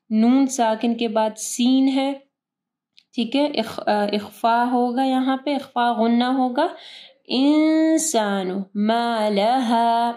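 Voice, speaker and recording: A woman teaching Quran recitation rules, explaining each rule patiently and drawing out the words slowly as she recites. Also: a little high, a little mellow. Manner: patient, repeats words slowly and corrects pronunciation.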